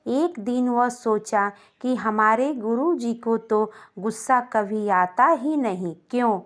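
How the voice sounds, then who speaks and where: A woman narrating a scripted moral story in a calm, gentle manner. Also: a little high, slow pace. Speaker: storyteller of moral stories for a channel.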